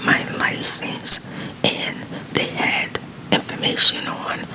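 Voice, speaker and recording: A woman telling a rambling, conversational personal story in a hushed, breathy ASMR whisper, quiet as if at night. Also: slow.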